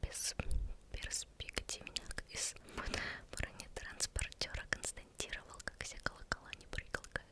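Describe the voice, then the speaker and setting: Hushed whispered ASMR tongue-twister reading. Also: a little slow. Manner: hushed whisper, stumbles over words and repeats them. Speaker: ASMR creator.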